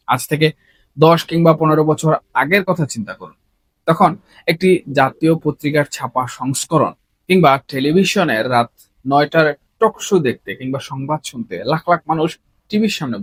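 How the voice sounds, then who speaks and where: A man, hosting a solo political commentary in an earnest, measured way and often asking rhetorical questions. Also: on the high side, husky, dry recording. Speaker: political commentator, channel host.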